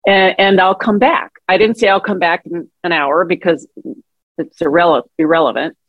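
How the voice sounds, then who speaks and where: A woman's voice: lowish voice, steady tone, moderate pace, no echo, dull audio. A middle-aged woman in an interview, telling personal caregiving stories in a reflective, conversational way and acting out quoted dialogue. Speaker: guest, author and caregiver.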